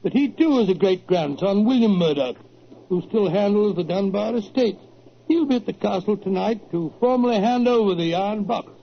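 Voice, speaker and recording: An actor playing a genial, bumbling older English doctor, hesitant and avuncular, repeating himself in a 1940s radio drama with an old noisy sound. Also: male voice, sits high, expressive, normal speed, vocal fry, lo-fi sound. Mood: amused, explaining.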